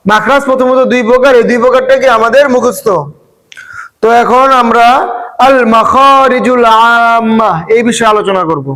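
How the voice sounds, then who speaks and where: A man's voice: very high-pitched, fast, fairly bright tone, in a large hall, poor audio. A man who teaches at a madrasa, leading a call-and-response Quran recitation lesson and drilling the class with repeated questions.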